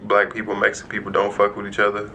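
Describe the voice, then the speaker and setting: Male podcast co-host, gravelly and sharp-toned, low pitch, rambling delivery. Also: monotone, fast talker, slight background noise, poor audio. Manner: rambling storyteller, heavy "like" fillers. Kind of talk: casual chat.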